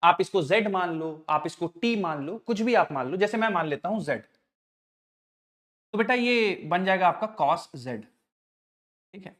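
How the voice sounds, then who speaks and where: A man's voice: high voice, animated, measured pace, pauses often, a bit bright. Patient classroom maths teacher, a man. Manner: patient, addresses students as children, asks frequent check questions.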